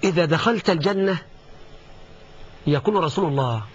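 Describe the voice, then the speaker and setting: A man preaching a colloquial sermon with an Egyptian accent, dramatic, dropping to a hush and then building to loud exclamations. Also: fairly high pitch, normal speed, husky. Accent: Egyptian Arabic. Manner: dramatic, swings from hushed to rising exclamations. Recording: dull lo-fi recording with faint noise.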